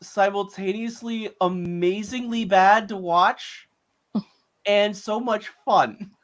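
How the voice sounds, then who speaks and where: A woman hosting a casual movie watch-along chat, making unhurried, wry remarks. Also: medium pitch, steady tone.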